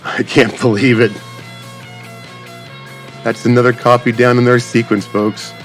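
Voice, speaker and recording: This gaming YouTuber speaks in a mid-range, level voice, a little on the slow side. He gives loose, wordy, informal commentary as a voice-over on game footage, with music in the background.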